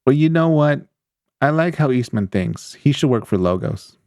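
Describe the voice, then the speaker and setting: A man co-hosting a podcast, chatting casually and cracking jokes with a laugh. His voice sits at an average pitch. The recording is close and dry, with almost no room sound. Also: animated, moderate pace, a little mellow, dry recording. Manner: joking, laughs often. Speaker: podcast co-host. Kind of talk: casual chat.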